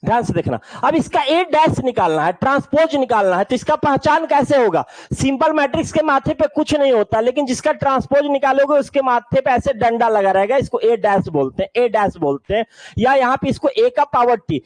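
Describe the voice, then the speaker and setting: A man's voice: very high-pitched, expressive, brisk, no echo, poor audio. A man teaching an online maths class in a playful way. He keeps telling students to look carefully and asks the class questions.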